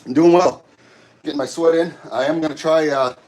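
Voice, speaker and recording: A middle-aged man, out of breath, chatting casually with viewers of his livestream during a gym workout, halting and rambling with many restarts. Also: fairly high pitch, steady tone, darkish tone. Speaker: livestream host. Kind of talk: casual chat while working out on a livestream. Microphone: camera set up nearby.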